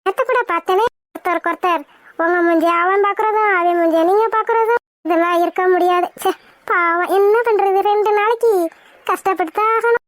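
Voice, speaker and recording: A woman's voice: very high-pitched, brisk. A woman voicing a cheeky comic woman in a cartoon, teasing and sarcastic.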